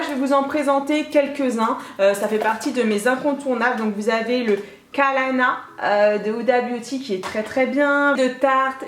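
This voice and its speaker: A woman beauty vlogger giving a chatty makeup tutorial straight to her viewers, with offhand asides. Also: sits high. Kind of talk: makeup tutorial talking to camera. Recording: roomy echo.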